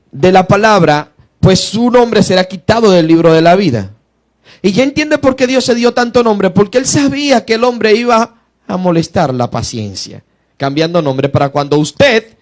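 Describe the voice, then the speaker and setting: A man preaching a teaching sermon, moving from slow, careful explanation to quick, rising bursts of emphasis. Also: high voice.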